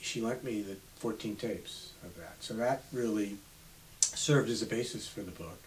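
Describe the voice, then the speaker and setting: A man in his seventies, an author being interviewed on radio, telling unhurried stories from his past. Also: on the low side, darkish tone. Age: 70s. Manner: reminiscing, unhurried storytelling. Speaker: author guest. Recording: slightly distant mic with faint hiss.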